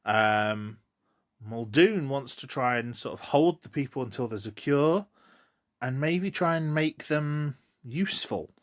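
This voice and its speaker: A man's voice: medium pitch, lively intonation, a little slow. A man hosting a solo podcast, talking through films casually with many ums and restarts. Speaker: podcast host. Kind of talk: casual solo film commentary.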